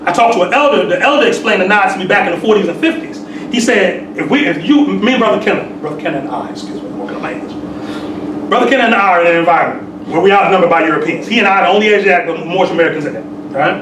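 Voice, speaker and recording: A man's voice: high-pitched, animated, racing, recorded from a distance. A man in his forties, a temple sheik, giving a conversational sermon with streetwise talk, peppered with "you know what I'm saying.". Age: 40s. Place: temple hall. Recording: echoey room, mic from afar, hissy.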